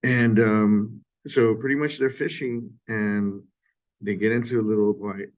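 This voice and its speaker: A man with a fairly low, slightly mellow voice gives an informal recorded lecture on literature, keeping a steady tone. He speaks haltingly and clears his throat often, his voice hoarse and failing from a sore throat.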